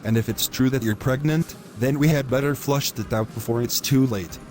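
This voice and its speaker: Speaking at normal speed in a mid-range, darkish voice, a man lightly acts the part of a pushy, selfish young boyfriend in a scripted moral story. His phrasing is formal, wordy and insistent, his mood dismissive and evasive, and faint music plays behind him.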